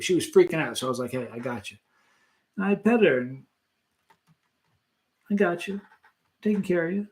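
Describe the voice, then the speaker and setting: Chatty man in his late fifties. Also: on the high side. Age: 50s. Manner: chatty and animated, laughs often. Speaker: channel host reading live chat. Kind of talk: casual live-stream chat.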